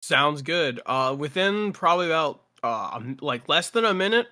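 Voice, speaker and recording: A man's voice: a little high, animated, normal speed, sharp tone. A man running a tabletop game as game master, narrating in a casual, joking way. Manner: casual, laughing, swearing.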